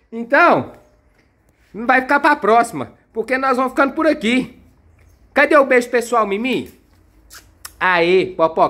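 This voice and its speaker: A woman's voice: on the high side, fairly bright tone. A woman with a Brazilian Portuguese accent giving playful, exclamatory commentary as she films her children at play, teasing them and cheering them on.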